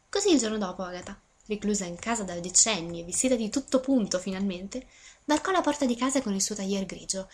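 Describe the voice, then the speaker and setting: A woman presenting a radio book show and reading a novel aloud in measured, expressive narration, in a studio. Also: medium pitch. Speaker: audiobook presenter and reader.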